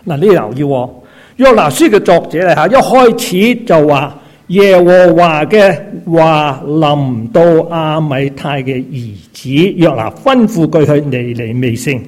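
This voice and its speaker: Guy preaching a sermon, kinda high voice, keeps throwing questions at the crowd. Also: expressive, a little slow, a little mellow. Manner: rhetorical questions to the congregation; frequent "na" and "ha" interjections. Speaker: preacher and doctor.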